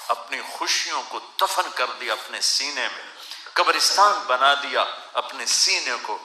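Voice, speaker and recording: A man's voice: mid-range voice, bright, forceful tone, reverberant, a little hiss or hum, poor audio. A man preaching an emotional sermon, weeping as he speaks, in a pleading, lamenting way. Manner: tearful, pleading, recites verse in a rising lament.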